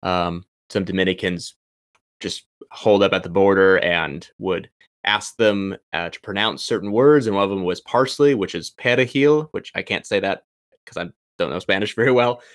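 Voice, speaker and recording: In a deep voice at normal speed, a young doctoral student talks as a guest on a podcast. The casual interview finds him thinking aloud, full of ums and false starts. Studio-quality sound with no echo.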